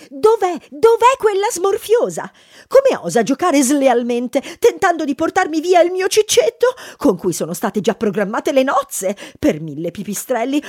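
A woman's voice: medium pitch, darkish tone, no room sound, clean studio sound. A woman voicing a dramatic, jealous gothic female mouse who shrieks theatrically in an audiobook story. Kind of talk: audiobook character reading.

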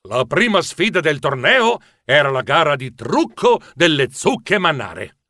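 A man narrating a children's story with playful theatricality. His voice sits a bit high and moves expressively, recorded close and dry. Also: big pitch swings, unhurried, sharp tone, dry recording. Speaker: audiobook narrator.

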